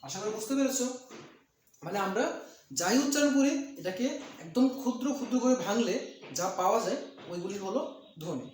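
A man's voice: high-pitched, animated, a little fast, long pauses. A man teaching an exam-prep grammar lesson, repeating points and asking and answering his own questions. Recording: echoey room with faint noise.

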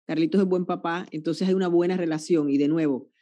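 Middle-aged woman host, warm low mellow voice, friendly interviewer at a podcast mic. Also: steady tone, quick pace, lo-fi sound. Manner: friendly, prompts guest with asides. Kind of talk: interview hosting. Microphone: podcast mic on a stand.

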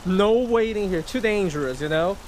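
A fishing vlogger in his thirties talks to camera beside a wooded creek, exclaiming over each catch and chatting with his viewers. His voice sits high and is expressive and a little mellow at a moderate pace. A handheld or chest-mounted camera mic picks it up with a little hiss or hum.

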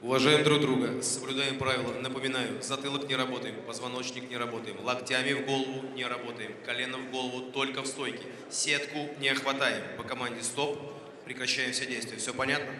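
A man's voice: mid-range voice, level tone, a little fast, pushed and bright. A man giving terse, matter-of-fact referee instructions in clipped phrases. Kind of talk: terse pre-fight instructions. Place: large indoor arena, inside a fight cage. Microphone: handheld microphone. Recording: echoey arena PA, distant, long reverb.

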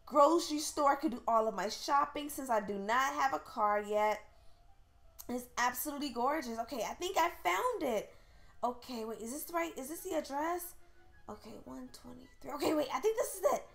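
A woman narrating an in-character game role-play in a gushing, excitable way, with frequent gasps and squeals. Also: high voice, normal speed, creaky. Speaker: gaming video creator.

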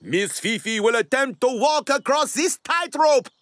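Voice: high-pitched, expressive, measured pace, fairly bright tone, dry recording, studio quality. An actor voicing a grandiose, pompous flea circus showman who announces with theatrical flourishes in a children's cartoon. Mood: proud, showy.

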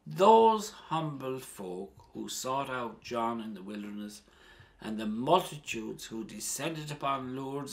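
A male priest preaching a sermon with a bright, forceful tone. His pitch sits in an ordinary middle range. He delivers it earnestly, lifting and dropping his voice for emphasis. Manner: emphatic, with strong rises and drops in pitch and loudness.

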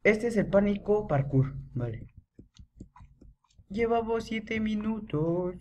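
A teenage boy, giving excitable horror gameplay commentary, chanting and yelling when scared. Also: high voice, takes it slowly, lo-fi sound, a little hiss or hum. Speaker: gamer.

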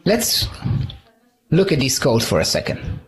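A man's voice: mid-range voice, wildly swooping pitch, measured pace. Man. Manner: conversational, with frequent "all right?" check-ins; restarts and repeats words often. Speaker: conference speaker. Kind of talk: live conference talk.

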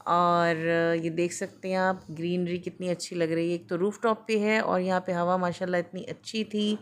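A woman's voice: lowish voice, level tone, normal speed. Upbeat woman vlogging on her phone. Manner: chatty, upbeat, enthusiastic recommending. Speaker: lifestyle vlogger. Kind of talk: casual vlog narration. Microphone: phone camera at arm's length.

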